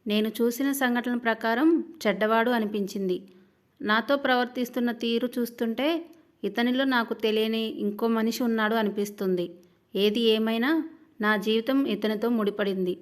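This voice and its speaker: A woman's voice: fairly high pitch, steady tone, normal speed, close to an everyday voice. A woman voicing a nervous but defiant young bride who speaks tensely and earnestly. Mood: pleading.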